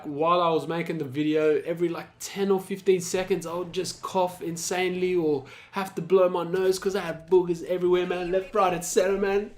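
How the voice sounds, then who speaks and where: A man's voice: fairly high pitch, slight background noise. Congested young man, casual swearing vlog. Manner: animated, swearing, slangy, says man a lot. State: congested from flu. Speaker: gaming YouTuber.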